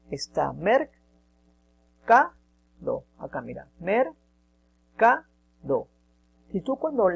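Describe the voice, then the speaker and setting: A man gives a relaxed spoken lesson in a warm, mellow voice, breaking each idea into small steps. He keeps checking in with his listener as he goes, and a faint hum sits under the recording. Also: high-pitched, creaky. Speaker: teacher.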